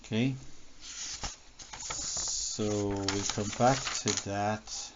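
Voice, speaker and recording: Man, maths teacher, fairly low voice, thinking aloud, self-correcting, dull lo-fi recording. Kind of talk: recorded classroom lesson, working examples on screen. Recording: dull lo-fi screen recording with faint noise.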